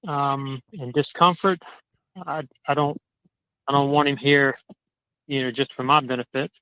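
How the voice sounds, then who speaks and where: A man's voice: medium pitch, steady tone, clear, resonant tone, no echo. Man on a crackly fading phone line. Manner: halting, restarts and repeats words, indignant. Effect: crackly phone line that fades in and out. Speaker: caller. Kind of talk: casual chat. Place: outdoors, walking a dog. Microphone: cell phone.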